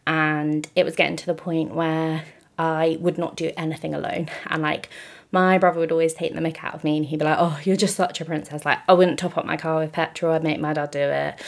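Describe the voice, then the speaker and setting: A woman's voice: low-pitched, little pitch movement, brisk, creaky, hardly any pauses. A young woman from just outside London, chatting casually with lots of fillers and laughter as she shares her testimony. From just outside London, England. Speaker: interview guest.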